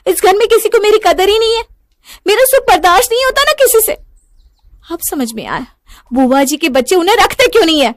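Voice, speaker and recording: A woman voicing Naina, an indignant young bride who speaks in heated, shrill outbursts. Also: a little fast, hardly any pauses, no room sound, clean studio sound, natural voice. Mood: angry.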